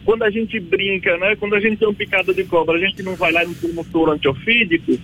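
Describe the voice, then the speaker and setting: A man from the backlands of Bahia with a Bahian Brazilian accent and a husky voice, explaining as an expert guest in an informal, emphatic way. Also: sits high, steady tone, fast talker, bright, forceful tone, rough recording. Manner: emphatic, colloquial, checks listener understands. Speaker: vaccine researcher, interview guest.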